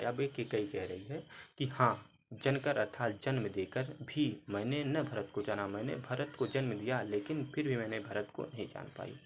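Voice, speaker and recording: A man's voice: medium pitch, slight background noise. A man teaching a Hindi poem to exam students, reading each verse and then glossing it word by word. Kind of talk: explaining a Hindi poem line by line.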